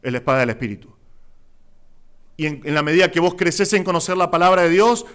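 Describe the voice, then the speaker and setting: Brief: Rioplatense man, pastor delivering a sermon, fairly high voice, impassioned, loud then hushed. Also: expressive, fairly quick, clear, resonant tone. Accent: Rioplatense Spanish. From Argentina. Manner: impassioned preaching, swinging between loud exclamations and hushed asides.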